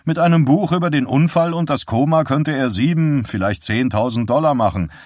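A man's voice: medium pitch, brisk, a little mellow, dry recording, clean studio sound, pitched above the performer's own voice, natural voice. A man voicing a cheerfully condescending middle-aged husband in an audiobook, jovial and patronizing. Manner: jovial, patronizing, barking laugh. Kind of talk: audiobook character reading.

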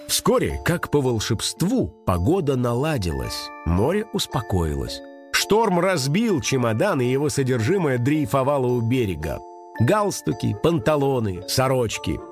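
A man narrating a children's story in an expressive, animated manner, over faint background music. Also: medium pitch. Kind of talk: storybook reading.

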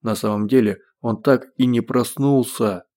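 A man reading an audiobook, voicing a brutal, volatile man who speaks in a gruff, forceful way. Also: medium pitch, steady tone, a little slow, lightly acted. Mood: angry.

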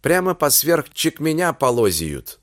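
A man's voice: fairly high pitch, sing-song, unhurried, no echo, studio quality. A man voicing a weary, complaining Cossack peasant woman in an audiobook reading. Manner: plaintive, complaining.

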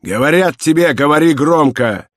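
A man voicing a harsh, bullying middle-aged police inspector who shouts and scoffs in an audiobook reading. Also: on the high side, expressive, normal speed, dry recording, clean studio sound, voice pushed up, close to an everyday voice. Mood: barking. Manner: shouting, scornful, barking.

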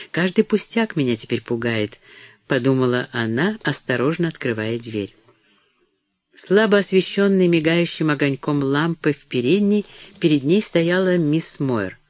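A man narrating an audiobook in a steady, measured reading voice. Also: medium pitch, dry recording.

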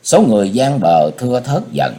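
A man narrating a martial-arts novel as an audiobook, with an expressive storytelling cadence. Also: medium pitch, moderate pace.

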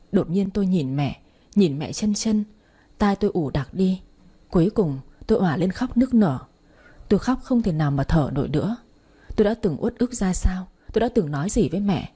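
Woman narrator, first-person story reading, mellow tone, breathy edge, emotional pacing. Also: medium pitch.

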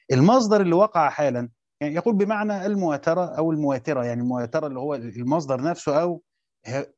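A man with an Egyptian Arabic accent teaching a classroom lesson, quizzing his students and repeating his points slowly. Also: a little high, darkish tone, no room sound, lo-fi sound. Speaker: teacher of Quran commentary.

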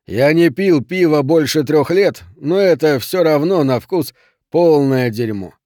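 A man reading the part of a cruel male killer, talking slowly and with mockery. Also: fairly high pitch, lively intonation, a little mellow, no echo, clean studio sound, pitched above the performer's own voice. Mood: taunting. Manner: slow, taunting, drawn-out.

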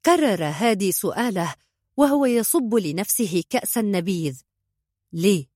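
Woman narrator, audiobook reader, even storytelling, dry close sound. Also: mid-range voice, moderate pace, dry recording.

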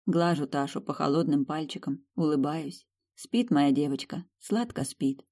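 A woman reads a fantasy novel aloud in the first person. Her voice is low and mellow, and her storytelling is emotional and intimate. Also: measured pace. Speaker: audiobook narrator. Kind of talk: first-person audiobook narration.

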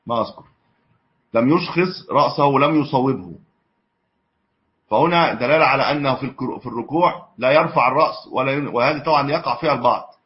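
A man teaching a religious lesson on hadith, mixing classical with colloquial asides and correcting himself as he goes. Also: medium pitch. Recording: dull lo-fi lesson recording.

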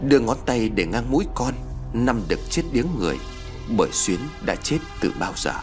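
A man narrating a ghost story in a dramatic, expressive reading. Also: mid-range voice, normal speed. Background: faint background music.

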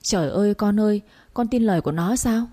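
A woman's voice: a little fast, mellow, close to an everyday voice. A woman voicing a cruel, domineering older matriarch who scolds and sneers in a storybook reading. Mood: indignant. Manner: scolding, shrill and scornful.

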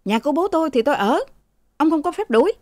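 A woman voicing a quarrelsome young man who hurls insults quickly in a raised voice. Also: sits high, lively intonation, dry recording, pitched above the performer's own voice. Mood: defiant. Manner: rude, rapid and shouting.

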